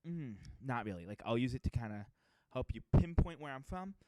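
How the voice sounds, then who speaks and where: A man's voice: mid-range voice, lively intonation, brisk, warm tone, no room sound. A young man from the Boston area with a Boston accent, co-hosting a podcast in a rambling, casual way full of fillers and restarts. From Metro West Boston area. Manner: rambling, laid-back, with many fillers and restarts. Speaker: podcast co-host. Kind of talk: casual chat. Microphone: podcast mic.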